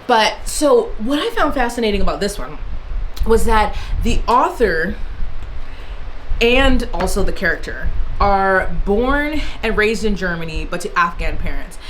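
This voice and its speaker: Indoors in Germany, a book vlogger chats casually on camera about her book haul, rambling with fillers and restarts. Her voice is medium-pitched, and the poor audio carries slight background noise.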